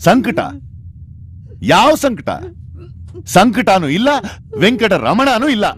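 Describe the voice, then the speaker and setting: A man's voice: medium pitch, animated, normal speed, lightly acted. An actor playing a cold, defiant male convict who taunts those around him in a sneering voice. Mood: scornful. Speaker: condemned criminal. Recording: film dialogue with music underneath.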